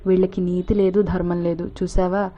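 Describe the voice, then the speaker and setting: A man's voice: high-pitched, level tone, moderate pace, close to an everyday voice. A woman voicing a self-important, impatient middle-aged man, in a dull lo-fi recording. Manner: bossy, impatient.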